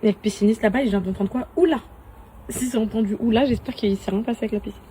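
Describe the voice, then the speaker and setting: Young woman influencer, high, gushing phone-story chatter, clatter of pots behind. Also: racing, mellow, a little hiss or hum. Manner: bubbly, gushing, talks straight to followers. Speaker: lifestyle influencer and mother. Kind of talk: casual phone-story chat to followers. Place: home kitchen and garden. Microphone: handheld phone.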